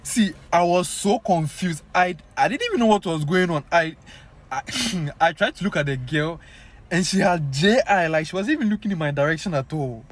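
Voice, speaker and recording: A young Ghanaian man with a Ghanaian accent, telling a story to his viewers in an animated, casual way full of fillers. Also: a little high, normal speed. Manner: animated, many fillers, addresses viewers as guys. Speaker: vlogger.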